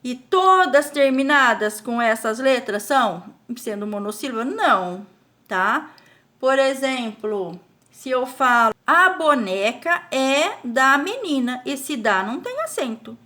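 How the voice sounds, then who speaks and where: A Brazilian woman teaching a recorded spelling lesson to children. She explains slowly, stretches out syllables and keeps asking the class check questions. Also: on the high side, sing-song, bright, forceful tone. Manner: speaks of herself in the third person as "a Pro". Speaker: primary school teacher.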